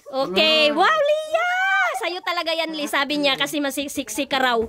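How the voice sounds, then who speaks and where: A woman vlogger, exclaiming constantly and talking to her viewers during an excited family unboxing. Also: high-pitched, normal speed, very noisy. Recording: loud crowd of people around.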